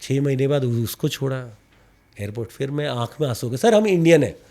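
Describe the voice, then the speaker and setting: A man, an actor, telling lively anecdotes in a casual podcast interview, with a slight stammer and English phrases mixed in. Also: mid-range voice, a little fast.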